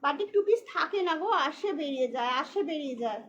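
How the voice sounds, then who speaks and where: A woman selling clothes on a live stream, briskly repeating prices and a phone number. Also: high voice, animated, fairly bright tone. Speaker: online clothing seller. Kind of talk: live-stream sales pitch. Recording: slightly dull, faint hiss.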